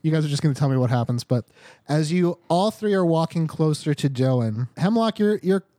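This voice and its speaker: A slightly high-pitched man runs a tabletop game as game master, his voice rising and falling in a lively, teasing way. He is recorded on a close podcast mic with a dry sound. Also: fairly quick, no echo. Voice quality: animated, playful, teasing.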